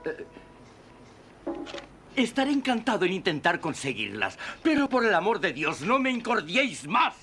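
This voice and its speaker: A fussy, pompous official in an old film dub, with a high, bright, swooping voice. He sounds whiny and put upon. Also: big pitch swings, moderate pace, long pauses, a little hiss or hum, heavily acted. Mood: exasperated. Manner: whiny and exasperated. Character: Pinky, a fussy, social-climbing male official.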